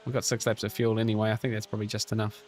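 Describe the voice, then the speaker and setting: A man's voice: lowish voice, very fast, slight background noise. Chatty New man streaming. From New Zealand. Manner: relaxed and chatty, with frequent restarts and fillers while reading chat aloud; friendly, encouraging teammate. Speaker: live-stream host. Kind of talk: casual live-stream chat over sim racing.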